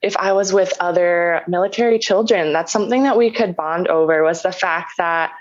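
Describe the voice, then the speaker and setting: A young woman guest in a casual interview, talking slowly and hesitantly with many ums. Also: lowish voice, lo-fi sound, a little hiss or hum. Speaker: podcast guest.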